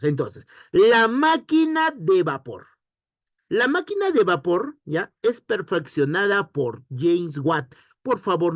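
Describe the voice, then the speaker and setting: A man teaching an online history lesson, asking himself questions and answering them in a lively way. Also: on the high side, no echo, clean studio sound. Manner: lively, rhetorical questions to students.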